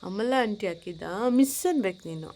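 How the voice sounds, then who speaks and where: A woman filming a casual home vlog, talking gently and coaxingly as a mother and chatting to her viewers. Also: medium pitch, animated, a little fast. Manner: gentle, coaxing, soft-spoken. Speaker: vlogger and mother.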